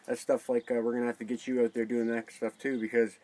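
A man speaking as an interview guest in a casual chat, halting and repeating words as he goes. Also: mid-range voice, flat delivery, warm tone, poor audio.

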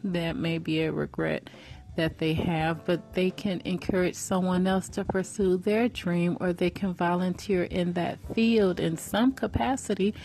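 A woman's voice: lowish voice, fairly even intonation, unhurried, darkish tone. A woman in her forties giving an earnest faith-based motivational talk, preacherly and repeating phrases for emphasis. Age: 40s.

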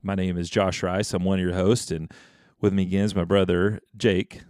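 Podcast co-host, male, deep voice, relaxed and rambling, reads and chats. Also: moderate pace, dry recording, studio quality. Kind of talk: casual podcast chat and book reading.

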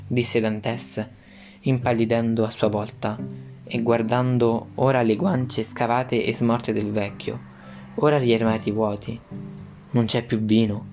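A man's voice: medium pitch, fairly even intonation, a little slow, a little mellow, lo-fi sound. Man narrating an audiobook over guitar.

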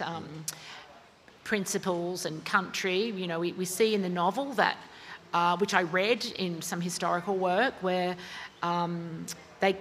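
Interviewed at a book talk about her novel, this Australian writer chats away with plenty of fillers and restarts. She speaks on the low side with a fairly bright tone, and the recording carries a little hiss or hum.

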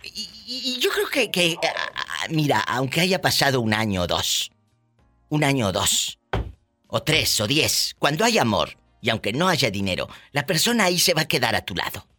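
A man's voice: mid-range voice, very animated, normal speed, bright, forceful tone, faint music behind. A man with a Mexican accent hosting a call-in radio show, teasing and theatrical with his callers. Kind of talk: playful call-in radio banter.

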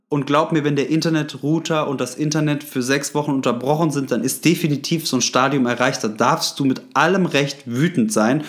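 A man hosting a solo podcast, speaking directly to the listener with advice, often pausing with fillers and restarting his sentences. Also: a little high. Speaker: podcast host.

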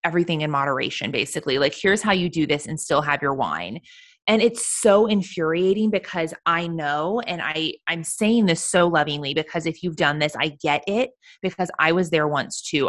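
A woman's voice: low voice, a bit bright. A woman coach talking earnestly and emphatically in a podcast interview. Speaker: sobriety coach.

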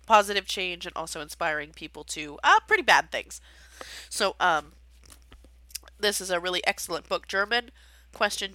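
A woman hosts her own show and chats loosely about music, with plenty of ums and asides. Her voice is bright and forward. The sound is dry and close, with no room around it. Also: medium pitch, no echo. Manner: rambling, many fillers. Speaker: podcast host and amateur pianist. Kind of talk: casual solo chat.

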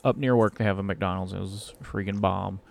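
A man's voice: sits low, fairly even intonation, brisk, vocal fry, slight background noise. A man co-hosting a podcast, telling laid-back anecdotes in casual chat, full of "like". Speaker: podcast co-host.

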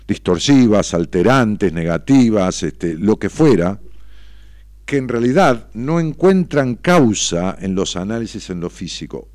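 A psychologist with a Rioplatense Spanish accent hosts a late-night radio show, speaking animatedly with rhetorical questions and fillers. His mid-range voice comes through in a dry, clean studio recording.

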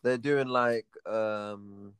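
A young man with a London roadman accent, chatting casually in a halting, slangy way and often circling back over phrases. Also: lowish voice, fairly even intonation, clean tone, no room sound. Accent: London roadman, urban slang. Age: young adult. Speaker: podcast speaker. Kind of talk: casual chat.

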